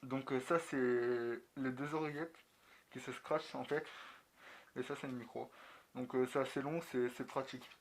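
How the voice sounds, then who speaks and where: Speaking at a normal speed in a steady, medium-pitched voice, this motovlogger gives an unscripted, casual review of gear. His talk is colloquial and slangy with a bit of mild swearing, recorded in an echoey room with clicks and obvious background noise.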